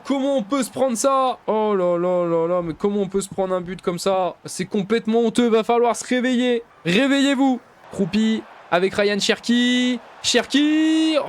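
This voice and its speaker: Excitable young man commentating a football game. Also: high voice, a little hiss or hum. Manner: excitable, swings from mumbling asides to loud cheering; addresses viewers as "les gars", slangy and joking. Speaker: gaming YouTuber. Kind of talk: casual gameplay commentary.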